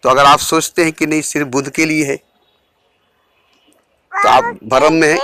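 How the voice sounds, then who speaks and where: Man giving a bright, measured spiritual talk. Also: a little high, fairly even intonation. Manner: measured, repeats key phrases for emphasis. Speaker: spiritual teacher.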